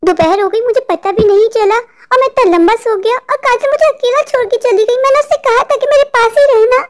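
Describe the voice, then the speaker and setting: Whiny scared husband for a cartoon, voiced by a woman, pitched very high, panicky. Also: fairly quick. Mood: anxious. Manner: fretful, complaining, panicky. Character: frightened, whiny adult husband, mall owner. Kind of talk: cartoon voice acting.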